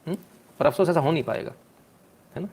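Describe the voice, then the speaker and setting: A man's voice: on the high side, animated, fairly quick, darkish tone, breathy edge. A man, giving sarcastic live news commentary, mocking and scolding the people in the clips and answering viewer comments.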